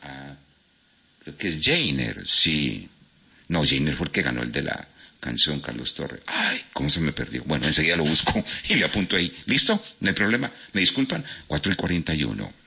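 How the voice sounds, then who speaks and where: Colombian radio guy from cali, playful, bright husky voice, dull radio sound. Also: a bass voice, very animated, normal speed. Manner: playful, reading out listener answers, stumbles and laughs at himself. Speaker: radio host. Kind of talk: casual radio quiz hosting.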